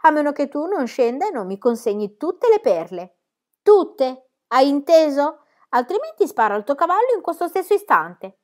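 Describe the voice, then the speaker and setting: A woman reading a storybook aloud, voicing a menacing male robber who shouts threats. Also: medium pitch, big pitch swings, a little slow. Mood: threatening.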